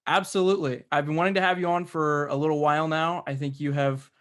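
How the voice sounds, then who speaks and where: Podcast host man, slightly higher voice. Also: level tone, fast, fairly bright tone. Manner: friendly, scripted intro. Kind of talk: podcast interview.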